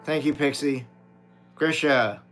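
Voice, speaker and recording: Talking slowly in a fairly high voice, a middle-aged man from the United States chats informally and bluntly on his live stream, reading comments. Loud guitar music sits behind his voice.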